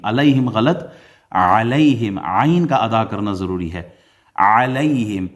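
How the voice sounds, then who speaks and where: A man teaches prayer recitation in a middle-pitched voice. He rattles off corrections, sets the wrong and right pronunciations side by side, and drops in English teaching terms. Then he slows into a melodic chant for each verse. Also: darkish tone. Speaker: Islamic teacher.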